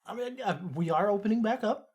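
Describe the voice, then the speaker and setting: A man in his thirties co-hosting a podcast, telling a profane story in a loose, animated way. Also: high voice, quick pace. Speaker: podcast co-host. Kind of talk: casual chat.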